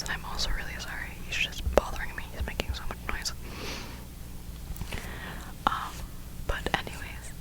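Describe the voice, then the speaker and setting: A young woman whispers throughout in a breathy, voiceless tone. She rambles through casual ASMR chat in slangy, informal phrasing, as if thinking aloud. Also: rough recording. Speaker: ASMR creator.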